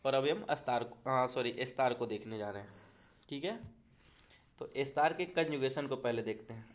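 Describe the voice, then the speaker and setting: A man's voice: mid-range voice, moderate pace. A man teaching Spanish in a casual online lesson, drilling conjugations aloud and often checking in with his students. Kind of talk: online language lesson in Hindi. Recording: tinny phone-like audio.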